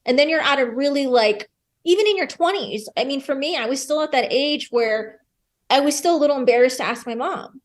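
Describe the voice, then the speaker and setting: Candid, higher-voiced woman telling her story. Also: fairly quick. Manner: open, emotional, fills with "like". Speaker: podcast guest.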